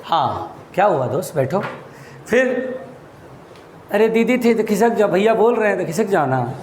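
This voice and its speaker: A man teaching a physics problem to a class, explaining step by step, calling his students "beta" and hushing them when they get noisy. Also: high-pitched, very animated, normal speed. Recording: echoey classroom with murmuring students.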